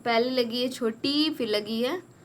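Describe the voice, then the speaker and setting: A woman tutoring exam students on spelling, going word by word slowly and repeating corrections. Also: fairly high pitch, a little hiss or hum. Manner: slow, repetitive, correcting each word. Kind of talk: spelling lesson.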